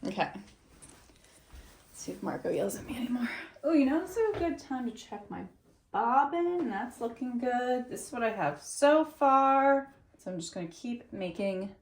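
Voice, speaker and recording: A woman's voice: a little high, animated, normal speed, echoey room, a little hiss or hum. A woman sewing at home, thinking aloud in a casual, unsure way and trailing off. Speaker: sewing vlogger. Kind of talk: casual muttering while sewing.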